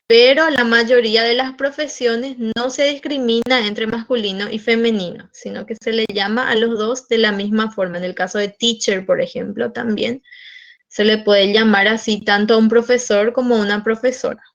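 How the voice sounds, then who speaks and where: A woman teaching an online lesson, explaining slowly step by step and often checking in with the class. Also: on the high side, fairly even intonation, dull audio. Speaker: English teacher.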